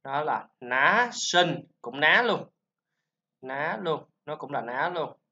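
Vietnamese-accented male teacher drilling English syllables, unhurried and bright, dull homemade sound. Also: on the high side, animated. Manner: slow, repeats sounds and drills syllables, chatty asides. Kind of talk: informal pronunciation lesson.

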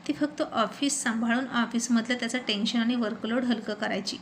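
A woman narrating a serialized romance story in a steady reading voice. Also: on the high side, moderate pace, a little hiss or hum.

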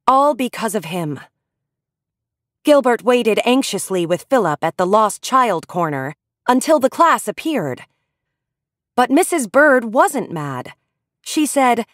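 A woman reading a children's story aloud in an expressive storytelling manner. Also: on the high side, no echo, studio quality. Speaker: audiobook reader.

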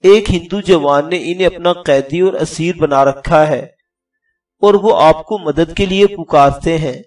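A man's voice: on the high side, a little mellow, lightly acted. A man voicing a grieving younger brother. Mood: tearful. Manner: hesitant, subdued. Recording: distant voice, faint background music.

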